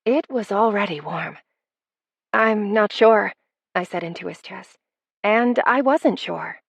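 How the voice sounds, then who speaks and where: A woman's voice: medium pitch, animated, measured pace, vocal fry, husky, no echo, muffled recording. A woman narrating a first-person romance audiobook in a wry, conversational storytelling manner.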